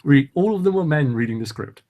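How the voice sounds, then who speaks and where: This podcast host has a slightly high, expressive voice and talks a bit fast, though the audio sounds dull. His casual chatter wanders, full of ums, hesitations, and false starts.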